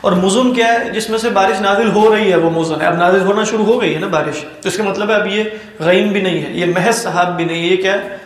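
A male Quran teacher giving a classroom lecture, quizzing his students and then answering himself, reciting Arabic slowly and deliberately. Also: high voice, steady tone. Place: lecture room at an academy. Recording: echoey room.

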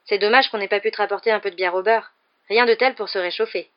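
Audiobook: reader voices an eager teen boy, chatty and higher-pitched, muffled sound. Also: fast, lightly acted. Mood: excited.

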